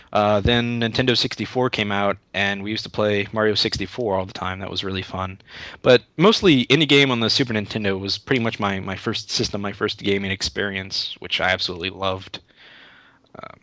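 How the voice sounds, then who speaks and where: A man's voice: fairly low pitch, bright, forceful tone, dry recording. A young man answering interview questions in a casual, rambling way, often restarting his sentences. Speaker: YouTube Let's Play creator, interview guest.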